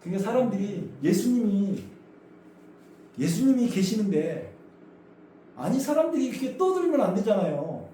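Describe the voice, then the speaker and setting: Male pastor, animated sermon, mellow high voice, far from the mic, very echoey church hall, faint noise. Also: moderate pace, pauses often. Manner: animated storytelling, acts out voices; asks the congregation questions. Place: church sanctuary.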